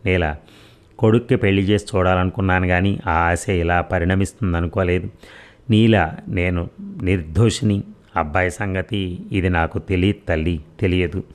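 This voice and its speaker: A man voicing an elderly mother-in-law in an audio story, pleading slowly and earnestly. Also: sits low, steady tone, natural voice.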